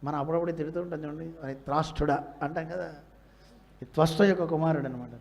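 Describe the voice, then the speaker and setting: Male preacher, high voice, Telugu accent, quizzes listeners, acts out quotes, spiritual discourse. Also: fairly even intonation, fast, vocal fry, darkish tone. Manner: questions the audience, acts out quoted lines. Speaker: religious teacher. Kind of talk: Bhagavata discourse to a live audience.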